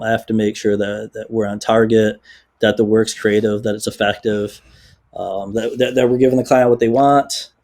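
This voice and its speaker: A man's voice: lowish voice, a little mellow. A man from the San Francisco Bay Area, a creative director guest in a casual interview, with a dry sense of humor. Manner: dry humor, many fillers and restarts.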